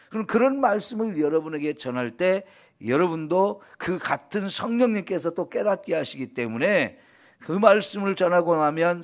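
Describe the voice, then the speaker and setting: A man preaching an early morning sermon as pastor, earnest and encouraging, often affirming with a short "yes.". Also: high-pitched.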